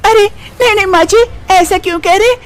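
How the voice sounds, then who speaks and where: A woman's voice: extremely high pitch, a little fast. A woman playing a worried young wife. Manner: pleading, worried. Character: young anxious wife, pleading. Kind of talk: storybook voice acting.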